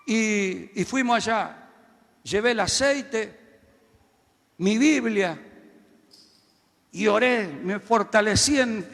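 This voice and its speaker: A pastor preaches in a very high, bright voice that carries through a long-reverberating hall. He tells his story, then rises into loud, shouted exhortations for his congregation to repeat. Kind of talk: sermon.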